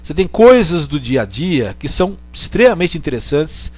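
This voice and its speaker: A man's voice: a little high, very animated, normal speed, darkish tone. A man from Brazil giving a casual online lecture with a screen demo, chatty and joking, often checking in with the listener.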